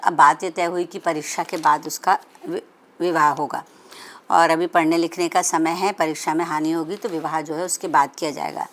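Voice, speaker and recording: A woman storyteller reading a literary story aloud in a lower-pitched voice. She breaks off into casual explanatory asides and corrects herself mid-sentence, stopping to fill pauses. The delivery is unpolished and conversational. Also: steady tone, a bit bright.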